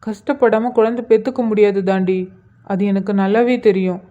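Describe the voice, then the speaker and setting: A woman's voice: medium pitch, steady tone, normal speed, mellow, muffled recording, natural voice. A woman voicing Arjun, an apologetic young husband and new father in a cartoon, speaking in a subdued way. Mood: remorseful. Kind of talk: cartoon voice acting.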